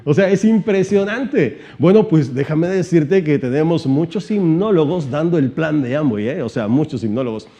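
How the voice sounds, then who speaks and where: A man giving an animated seminar-style teaching talk, shifting his volume and pitch and asking many rhetorical questions. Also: normal speed, few pauses. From Mexico. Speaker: motivational trainer.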